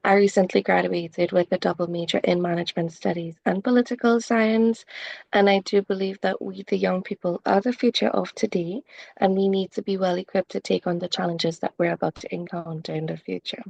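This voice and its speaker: Young woman panelist, earnest and polished, some vocal fry, close dry sound. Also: fairly low pitch, flat delivery, fairly quick, a little mellow, no echo. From Trinidad and Tobago. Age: young adult. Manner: earnest, articulate, speech-like. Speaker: panelist, youth advocate. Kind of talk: panel discussion answers.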